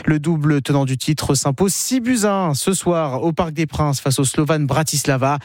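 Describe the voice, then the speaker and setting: A man reading a radio news bulletin with crisp delivery. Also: fairly high pitch, normal speed, no echo, studio quality. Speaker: newsreader.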